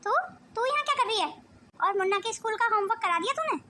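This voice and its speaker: A woman playing a loud, scolding elder sister-in-law with a domineering temper in a family melodrama. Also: very high voice, lively intonation, fast talker, very noisy. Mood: angry.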